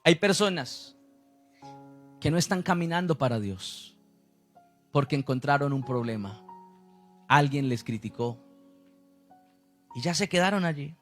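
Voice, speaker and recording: A man's voice: a little high, expressive, measured pace, pauses often, a bit bright, faint music behind. A man, preaching a sermon as a pastor, who acts out the people he quotes.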